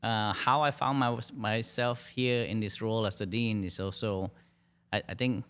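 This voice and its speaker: In this podcast interview, a hospitality dean from Malaysia, a man in middle age, talks with a fairly low, smooth voice. He sounds easygoing, often pausing, using fillers and starting phrases over.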